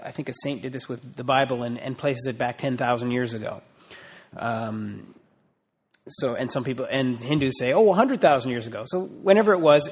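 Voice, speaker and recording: A middle-aged man giving an informal talk, explaining an old story with many fillers and restarts. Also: mid-range voice. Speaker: guest speaker explaining a festival.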